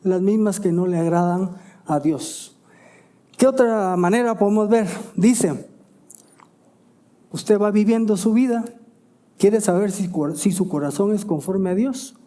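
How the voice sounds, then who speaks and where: A male pastor preaching a sermon, asking emphatic questions and answering them quietly, often adding "¿verdad?". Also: high-pitched, measured pace, long pauses. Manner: stops to self-correct and ask "¿verdad?".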